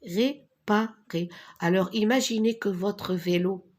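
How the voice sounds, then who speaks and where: A woman teaching a reading lesson to young children, speaking slowly and deliberately and repeating words for pupils to echo. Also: mid-range voice, expressive, breathy edge.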